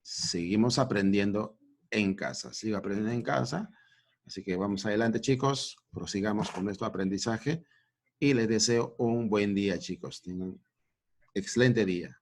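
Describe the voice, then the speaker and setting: A man's voice: fairly low pitch, moderate pace. A man with a Peruvian Spanish accent, teaching a remote school lesson in a patient, explanatory way, often checking in with "¿no?". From Peru. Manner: explanatory, repeats "¿no?" and "muy bien". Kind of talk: remote class lecture.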